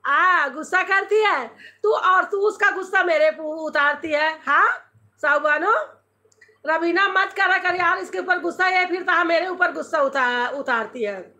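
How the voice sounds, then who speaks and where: Bright high-voiced Chhattisgarhi woman chatting. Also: unhurried. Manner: chatty, switching between Hindi and dialect, reading out comments. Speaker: live-stream host. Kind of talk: casual live-stream chat with viewers. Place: home.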